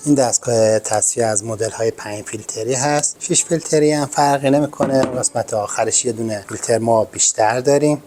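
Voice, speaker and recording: A man walks through a repair one step at a time, calm and polite in his explaining, his voice in the middle of the usual range for a man. Faint music plays behind him. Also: medium pitch, hardly any pauses. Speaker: host of a home repair channel.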